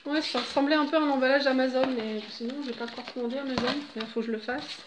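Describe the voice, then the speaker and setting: A woman's voice: high voice, fairly even intonation, quick pace, background noise. A middle-aged woman at home, chatting casually and rambling with laughs and fillers. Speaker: vlogger.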